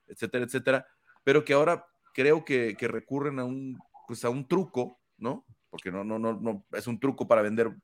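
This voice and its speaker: Male host, lower register, emphatic panel commentary with tag questions. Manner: fluent, emphatic, many fillers and tag questions. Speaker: host of an MMA analysis panel.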